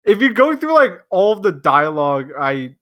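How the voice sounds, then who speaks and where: Sex: man. Role: cast member. Style: casual chat. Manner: rambling, filler-heavy. Pitch: high. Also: sing-song, normal speed, a bit bright.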